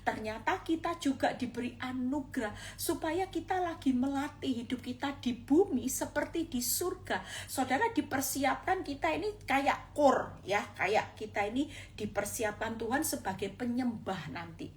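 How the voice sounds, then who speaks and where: A woman's voice: high-pitched, lively intonation, normal speed. A woman evangelist preaching a sermon on a live stream, speaking with emotion and acting out anguished prayers. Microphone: phone or webcam on a live stream.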